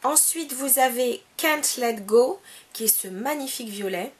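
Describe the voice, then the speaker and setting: A woman's voice: high-pitched, expressive, a little slow. A woman from France chatting casually in a beauty haul video at home, with many hesitations. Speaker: beauty vlogger.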